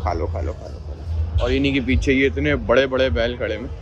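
A young man from Pakistan with a Karachi Urdu accent, giving excited casual vlog commentary while walking around an outdoor cattle show. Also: mid-range voice, fairly quick, dull audio, a little hiss or hum. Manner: excited, exclaiming over animals. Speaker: vlogger.

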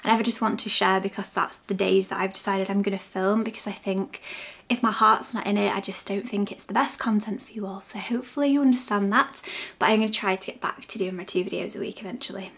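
A woman chatting casually to camera as a home and lifestyle vlogger, soft and friendly. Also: mid-range voice, steady tone, quick pace, creaky. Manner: soft, chatty, sometimes whispering. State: out of breath. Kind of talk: casual vlog chat to camera.

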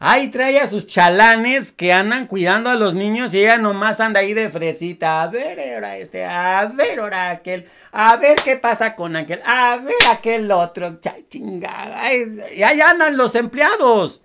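A man's voice: high-pitched, animated, moderate pace, creaky, hardly any pauses, pushed and bright. A man with a Mexican Spanish accent giving sarcastic, scornful commentary on a video clip, laughing often. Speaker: news commentary host. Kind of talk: mocking commentary over a played clip.

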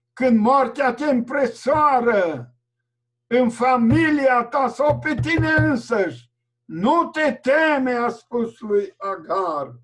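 High-voiced man preaching a fervent sermon. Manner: fervent, with sudden loud outbursts and slow drawn-out phrases. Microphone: video call.

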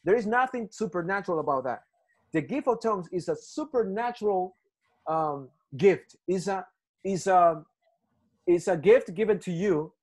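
A man from Ecuador with a Spanish accent teaches a Bible class over a video call. His voice sits on the high side and is a little mellow. He's earnest and repetitive, often restarting sentences and checking in with "right?"

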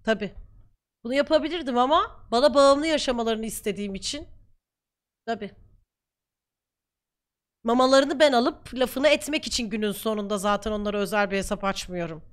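A woman's voice: a little high, normal speed, pauses often. A young woman streamer talking casually to her viewers, heated and ranting at times. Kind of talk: casual chat.

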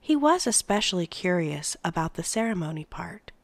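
A woman reading a novel aloud in a soft voice that often drops near a whisper. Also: fairly low pitch, very animated, normal speed, creaky, dry recording. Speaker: read-aloud narrator.

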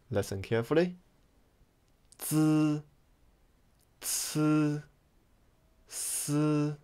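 A man teaching Mandarin pronunciation in an online lesson, friendly and encouraging, speaking slightly non-native English and drilling sounds slowly for learners to repeat. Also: mid-range voice.

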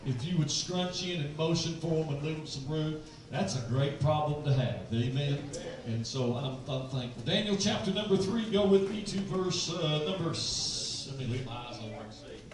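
A man in his late fifties preaches in a large church sanctuary, talking fast and folksy and circling back on his own phrases. His voice sits a touch high for a man. It carries the boom of a big room, picked up from a distance. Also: lively intonation, crowd noise. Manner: folksy, quick, repeats phrases. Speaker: pastor. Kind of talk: sermon. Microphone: handheld mic at a pulpit. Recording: roomy church sound from far off.

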